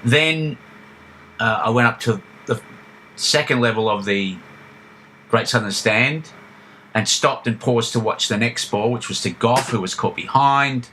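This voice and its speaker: Bright-voiced man reminiscing. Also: lowish voice, slight background noise. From Australia. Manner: reminiscing, storytelling with frequent restarts. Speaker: podcast co-host. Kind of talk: casual chat.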